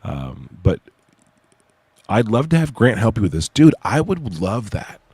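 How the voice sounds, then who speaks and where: Low voiced guy doing a casual livestream, dry sound, slangy and hesitant, bit of a whistle on his s's. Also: sing-song, measured pace, a little mellow, breathy edge, dry recording. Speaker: livestream host presenting own research project. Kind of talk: casual livestream chat with read-aloud case notes.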